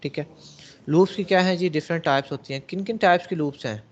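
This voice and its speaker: A man's voice: a little high, fast. Man teaching a class in a dull recording. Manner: explains step by step, asking the class questions and answering them himself. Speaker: programming teacher. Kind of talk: classroom lecture. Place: classroom with students.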